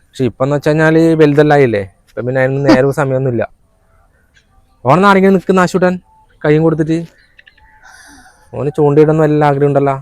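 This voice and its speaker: A man's voice: fairly high pitch, fast talker, long pauses, a little mellow, dry recording. A man with a northern Kerala accent chatting casually and colloquially on a vlog, explaining local spots. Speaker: vlog companion, father. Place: outdoors beside fields and water.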